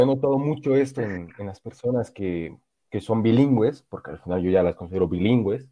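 Bolivian guy, lowish voice, earnest chat host, muffled lo-fi audio. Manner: earnest, reflective storytelling with frequent restarts. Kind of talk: casual chat. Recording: dull lo-fi sound.

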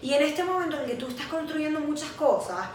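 Una mujer de unos veinte años con acento venezolano, copresentadora de un pódcast, que cuenta sus vivencias con franqueza y anima sus relatos imitando voces. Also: female voice, high voice, fast, heavy reverb, far from the mic, a little hiss or hum. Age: 20s. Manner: candid, animated storytelling with acted quotes. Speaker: podcast co-host. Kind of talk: casual chat.

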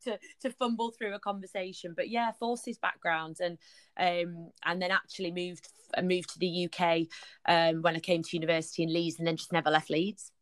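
Chatty Yorkshire woman, low-pitched and close. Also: level tone, normal speed, no room sound. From northern England, raised partly in Germany and Cyprus on army bases. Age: early 30s. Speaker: podcast guest, solicitor and law firm founder. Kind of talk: casual conversational interview.

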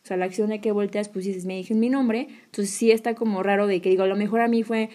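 A woman's voice: medium pitch, level tone, quick pace, warm tone. A woman with a Mexican Spanish accent telling a personal story in casual chat, acting out her own reactions.

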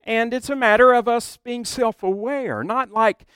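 A middle-aged man delivers a sermon with a high, smooth voice. He talks to the congregation in a conversational way, and his pitch rises and falls widely. The sound is dry and close. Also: a little slow, no echo. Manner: conversational and animated, with asides to the congregation. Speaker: pastor.

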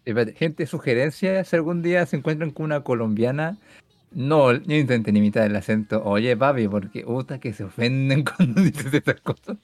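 A man's voice: medium pitch, normal speed, darkish tone, dry recording. A man chatting casually with friends, blunt and joking.

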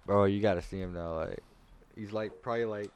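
A man's voice: fairly low pitch, brisk, darkish tone, clean tone. Frat-bro young man, casually profane. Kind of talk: casual chat among friends.

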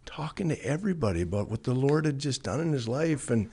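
A man's voice: mid-range voice, animated, brisk, dark tone, breathy edge. A man with a hillbilly drawl, telling stories and testimony in a folksy cowboy-preacher way as a podcast guest. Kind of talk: testimony storytelling in conversation.

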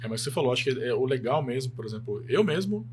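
A man's voice: medium pitch, very animated, quick pace, a little hiss or hum. A man, hosting casual podcast chat and agreeably repeating his guest's words back. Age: 40s.

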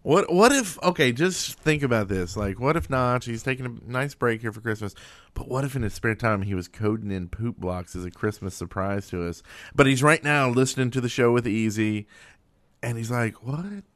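A man's voice: medium pitch, lively intonation, normal speed, a bit bright, no echo. A man and father of young kids, co-hosting a casual podcast chat and telling rambling, joking stories. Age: adult father of young kids. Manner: jokey, rambling storyteller. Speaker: podcast co-host.

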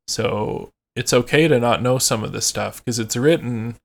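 A man's voice: mid-range voice, normal speed, creaky. A man hosting a podcast in casual chat, reading out phrases and explaining them with lots of fillers. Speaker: podcast host.

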